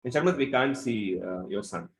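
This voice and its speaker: Chatty male online instructor, lowish voice. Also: expressive, normal speed, rough recording. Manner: chatty, apologetic, informal. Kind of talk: live online class. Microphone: video call.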